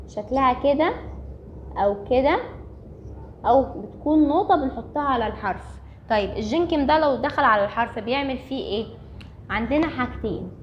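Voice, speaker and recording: Egyptian woman teacher, patient step-by-step explainer, somewhat high voice, dull lo-fi recording. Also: slight background noise. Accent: Egyptian Arabic. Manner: patient, repeating each point step by step. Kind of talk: recorded language lesson.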